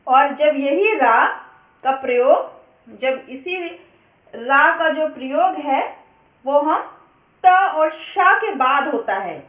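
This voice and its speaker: Slow, high-voiced woman teaching. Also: animated, a bit bright. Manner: slow, explaining step by step with examples. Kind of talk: Hindi grammar lesson. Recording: echoey, dull lo-fi room recording.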